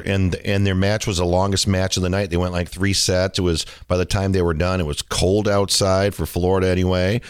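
A middle-aged man hosting a podcast, telling stories in a relaxed, joking way with plenty of fillers. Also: deep voice, clear, resonant tone, no room sound, clean studio sound. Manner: chatty, jokey storytelling with fillers. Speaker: podcast host. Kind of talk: casual podcast monologue.

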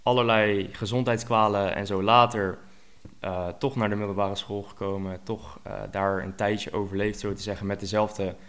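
A man's voice: on the low side, level tone, moderate pace, a bit bright. Een jonge man van in de twintig vertelt als gast openhartig zijn persoonlijke verhaal. Hij praat ronduit en met een vrij lage stem. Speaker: guest, performance coach. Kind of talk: personal storytelling in interview.

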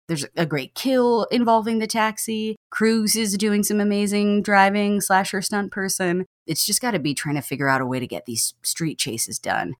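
A woman's voice: sits low, dry recording, clean studio sound. A woman hosting a film podcast, giving a casual, enthusiastic movie review full of chatty asides. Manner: enthusiastic, chatty, frequent "like" and "you know".

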